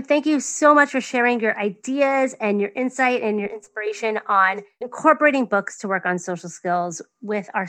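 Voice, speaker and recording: A woman with a New York accent hosting a podcast interview, effusive and quick to laugh. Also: mid-range voice, a bit bright. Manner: bubbly, effusive, laughs often. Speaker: podcast host. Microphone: video call.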